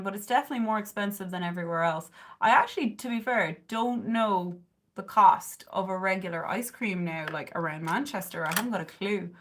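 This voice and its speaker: An Irish woman in her thirties from the south of the country livestreams her makeup routine from her bedroom, sitting close to a webcam or phone camera. Her mid-range voice has a fairly bright tone, and she rambles chattily, peppered with "like" and "um," reading out viewer comments and cooing at her cat.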